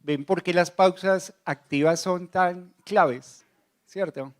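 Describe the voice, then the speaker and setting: A man's voice: sits high, slow. A man giving a motivational conference talk, quizzing the audience with short questions. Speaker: conference speaker.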